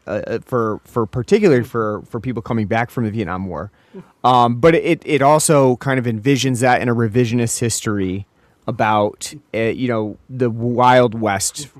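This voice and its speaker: A man's voice: mid-range voice, no room sound. A man co-hosting a podcast, chatting casually about a film, rambling with many restarts and fillers. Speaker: podcast co-host.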